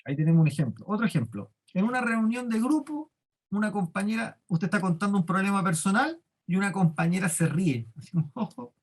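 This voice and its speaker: A man's voice: sits high, animated, brisk. Chilean man teaching a workshop. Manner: explanatory, keeps asking the class questions. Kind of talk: leadership class lecture.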